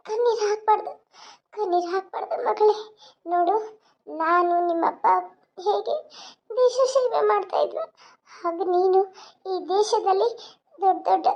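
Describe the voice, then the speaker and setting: Woman voicing a young mother, police officer, tearful, tender, high pitch, lo-fi. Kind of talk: cartoon voice acting. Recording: dull lo-fi sound.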